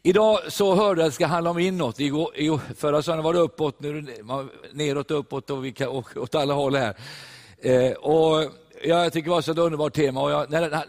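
An older man from Sweden preaching a sermon, animated and emphatic, recorded in a church. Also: fairly high pitch. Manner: animated, rising to emphatic peaks. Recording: long church reverb.

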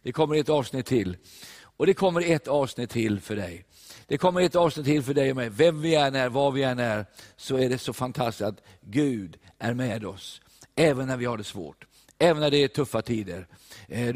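An older man from Sweden preaching a sermon, animated and emphatic, recorded in a church. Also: mid-range voice. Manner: animated, rising to emphatic peaks. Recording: long church reverb.

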